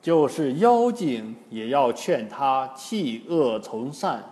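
A man voicing a stern but gentle-hearted monk master who scolds in a measured way. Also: medium pitch, very animated, slightly rough, full character voice. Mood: resigned. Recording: long hall reverb.

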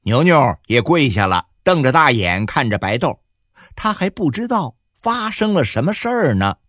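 A man narrating an audiobook in a colloquial, animated storytelling manner. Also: mid-range voice, moderate pace, no echo, studio quality.

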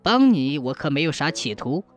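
A woman voicing an upright, kind-hearted young man who speaks in a steady, earnest way in a storybook tale. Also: deep voice, normal speed, soft background music, pitched below the performer's own voice. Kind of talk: storybook narration.

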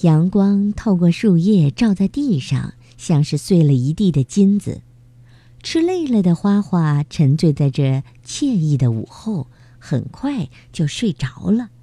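A woman narrating a children's story gently and expressively. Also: on the low side, big pitch swings, a little slow, dry recording.

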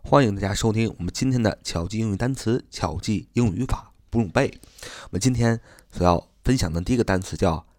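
A man teaching English vocabulary in Chinese, slowly repeating each word and spelling it out letter by letter, speaking English with a Mandarin Chinese accent. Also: fairly low pitch, dry recording, studio quality. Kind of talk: spoken vocabulary lesson.

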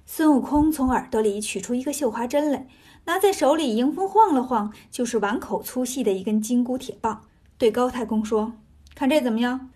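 A woman tells a classic folk tale in a lively, homely way, full of colloquial turns. Her voice sits high for a woman. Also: fairly quick, husky. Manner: lively, folksy colloquial telling. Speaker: storyteller. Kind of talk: storybook narration.

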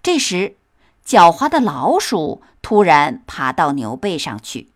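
A woman telling a children's fairy tale at an unhurried pace. Her pitch sits low but swings widely as she reads. Her reading stays gentle and expressive throughout. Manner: slow, expressive storytelling. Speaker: storyteller.

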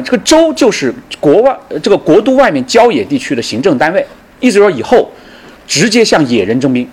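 A middle-aged man giving a public history lecture, telling the story in a lively way, acting out the people in it and asking the audience questions. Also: high-pitched, breathy edge.

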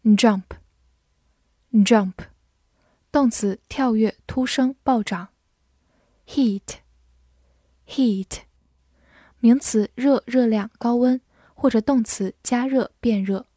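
A woman teaching English vocabulary in a deliberate drill, saying each word twice and then giving its part of speech and meaning. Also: a little high, warm tone, no echo.

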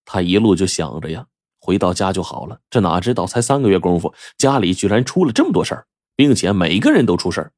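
A man telling a folk tale in a lively, dramatic storytelling manner, drawing out his phrase endings. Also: low-pitched, fast talker, dry recording, studio quality.

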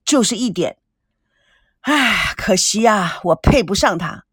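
A woman's voice: medium pitch, lively intonation, slow pace, fairly bright tone, slightly rough, dry recording, studio quality, heavily acted. Woman doing a cheeky playful young man. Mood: wistful. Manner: joking, cheeky, sometimes sighing.

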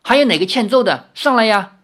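The narrator voicing a haughty, fiery young swordswoman in an audiobook, with a shrill, imperious, quick-tempered manner. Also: lively intonation, fairly bright tone, close to an everyday voice. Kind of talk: audiobook character voice.

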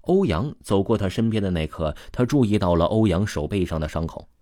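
A man narrating a suspense story aloud in a lively storytelling way. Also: low-pitched, no room sound, clean studio sound. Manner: lively storytelling, drawn-out particles.

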